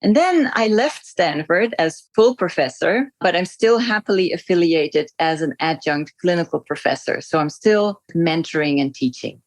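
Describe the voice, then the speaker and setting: Speaking with a fairly low pitch, this middle-aged Dutch woman, native to the Netherlands, responds to an interviewer as a guest physician. Her phrasing is articulate and measured, captured in a dry recording.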